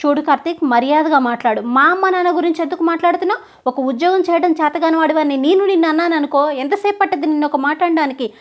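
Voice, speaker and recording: A woman's voice: sits high, lively intonation, fairly quick. A woman voicing a proud young wife who answers back firmly in a told story. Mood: indignant. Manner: indignant, firm and reproachful. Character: hurt, proud young wife standing her ground. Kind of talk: storytelling with acted dialogue.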